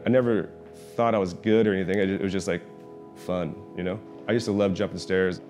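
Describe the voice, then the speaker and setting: A middle-aged man from Oklahoma City, USA, whose first language was Vietnamese, speaks low and quick with fairly even intonation and a darkish tone over soft background music. A professional skater being interviewed in his restaurant, he tells his skating story casually and laid-back, packing it with "like" and swearing.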